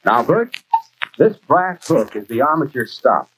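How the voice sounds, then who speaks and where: Casting: instructive American shop expert, very varied pitch, 1940s educational film with soundtrack noise. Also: male voice, sing-song, measured pace, a bit bright. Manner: didactic, clearly explanatory. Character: brisk, instructive male garage expert. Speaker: actor playing a garage instructor. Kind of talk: 1940s training film acting, scripted instruction.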